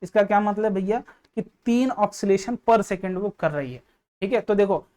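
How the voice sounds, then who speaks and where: A man teaching a physics lesson, patiently walking students through each point and often checking that they follow. His voice has a soft, mellow warmth. He mixes English terms into his explanations. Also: high voice, moderate pace. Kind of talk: online exam-prep lesson.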